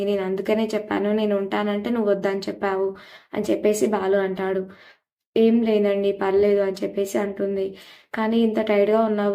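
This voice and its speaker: A woman's voice: mid-range voice, mellow. A woman retelling a TV serial episode in a plain storytelling way, with many filler phrases. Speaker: serial recap narrator.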